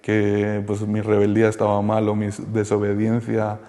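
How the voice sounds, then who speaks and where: A man from Colombia, giving a halting, soft-spoken personal testimony in an interview. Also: on the low side, completely flat delivery, long reverb tail. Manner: halting and soft-spoken, circling back with many restarts. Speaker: interviewee sharing a rehabilitation testimony.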